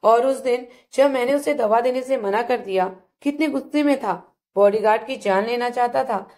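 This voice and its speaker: A woman reading a story voices a sharp-tempered young wife who scolds in harsh commands. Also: fairly high pitch, normal speed, natural voice. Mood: remorseful.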